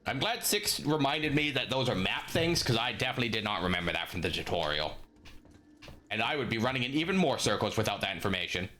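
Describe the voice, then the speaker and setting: A man's voice: mid-range voice, expressive, quick pace, bright, forceful tone. A young man from Western Canada giving casual live commentary as a game streamer, hesitant, with frequent ums and dry asides.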